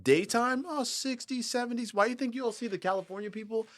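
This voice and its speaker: A man's voice: extremely high pitch, quick pace, a bit bright. A middle-aged man from Saint Thomas, a podcast guest talking in a profane, emphatic, casual way. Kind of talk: casual chat.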